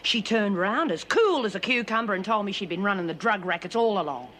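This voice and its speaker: A woman's voice: medium pitch, animated, fairly quick, a bit bright, a little hiss or hum, lightly acted. An actress playing a tough, weary female prisoner who used to be in charge. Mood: grim. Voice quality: blunt, determined. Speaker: prison inmate. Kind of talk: TV drama acting.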